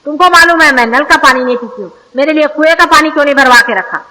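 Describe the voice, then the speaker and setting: A woman's voice: sits high, fast, sharp tone, in a large hall, poor audio. Woman quoting a fussy scolding woman.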